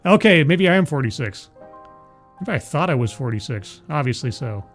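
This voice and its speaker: Faint music plays behind a man in his forties hosting a livestream, whose fairly high, expressive voice moves at a moderate pace. He rambles casually with viewers and the live chat, self-deprecating and laughing often.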